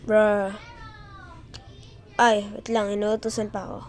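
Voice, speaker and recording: A young woman from the Philippines giving excitable, casual commentary while playing a video game, yelping and praising herself. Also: medium pitch, slow. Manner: excitable, yelps and self-praise. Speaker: gameplay streamer.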